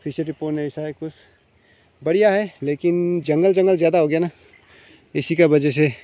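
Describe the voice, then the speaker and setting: A young man narrates his fishing trip in a chatty, high voice, talking straight to his viewers. He is outdoors beside a rural pond and speaks into a handheld camera. His delivery is relaxed vlog chat. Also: moderate pace, no echo. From Assam, India. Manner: chatty, addresses viewers directly. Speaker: fishing vlogger.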